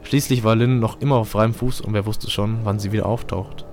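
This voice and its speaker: A man, the host of a podcast, reading a first-person horror story aloud in a dramatic, steady way. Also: lowish voice, brisk, faint music behind.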